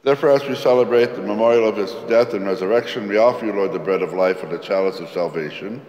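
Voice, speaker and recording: A man leads the liturgy in a low, solemn voice, reciting each prayer at a steady, measured pace. His words ring out with a long cathedral echo, as in a large, roomy church. Each phrase hangs in the air of the hall. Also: dull audio. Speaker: priest. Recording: long echoey church reverb.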